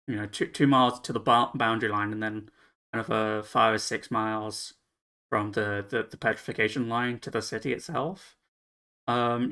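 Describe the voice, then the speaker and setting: A man narrating as game master of a tabletop game, halting with fillers and restarts. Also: medium pitch, pushed and bright.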